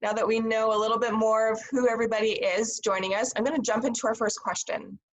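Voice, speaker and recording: A woman's voice: on the high side, steady tone, fast, poor audio. A woman from Canada moderating a panel discussion over a video call, upbeat and encouraging as she introduces the guests.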